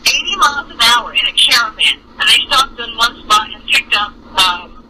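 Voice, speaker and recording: A woman's voice: a little high, lively intonation, moderate pace. A woman on a phone interview, bluntly retelling what she witnessed in a rambling, agitated way, with many restarts. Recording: loud noisy phone line.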